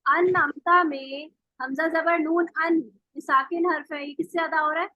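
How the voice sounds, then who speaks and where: A woman teaching Quran recitation in an online class, patiently explaining and slowly modeling each sound. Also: sits high, fairly even intonation, pushed and bright, dry recording. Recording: dull dry call audio.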